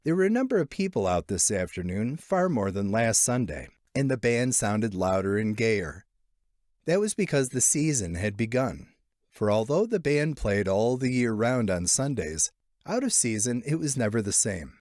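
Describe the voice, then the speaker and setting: An audiobook narrator reading a short story of literary fiction, this man lets his pitch sweep lively around a medium register. He shapes each phrase expressively, leaves lingering pauses, and sounds close and dry without any room echo.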